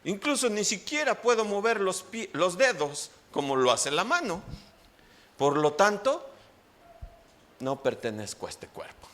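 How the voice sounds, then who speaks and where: A preacher delivering a Sunday sermon with an animated, questioning delivery. His voice sits fairly high and swings widely up and down, rising and falling as he presses each point. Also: measured pace. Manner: animated, addresses the congregation with rhetorical questions. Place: church.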